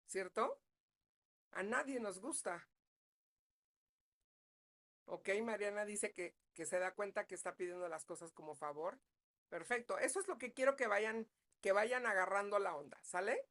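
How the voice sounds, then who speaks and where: A woman's voice: medium pitch, fairly bright tone. A woman psychologist giving a parenting class, talking conversationally and checking in with her listeners often. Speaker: psychologist leading a parenting talk. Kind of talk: live online parenting class.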